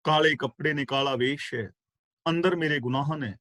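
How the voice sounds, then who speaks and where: A man giving a scripture class, reciting verses slowly and explaining their pronunciation and meaning, with fervent rhetorical questions. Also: on the high side, sharp tone, no echo. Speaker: katha preacher. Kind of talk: scripture exposition.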